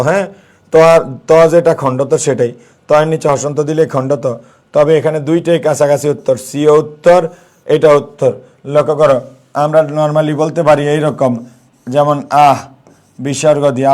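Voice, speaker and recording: Man, young, grammar lesson, repeats phrases, slightly high voice. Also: darkish tone. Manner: repeats key phrases, quizzes listeners with questions. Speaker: teacher. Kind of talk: exam-prep grammar lesson.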